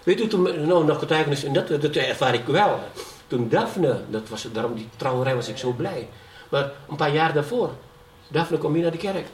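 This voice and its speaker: Lively intonation and a somewhat high pitch mark this middle-aged preacher, who speaks at an ordinary pace. He rises in fervour while testifying, often asking "ja?" of his listeners, and the distant mic picks up hall echo and faint background noise.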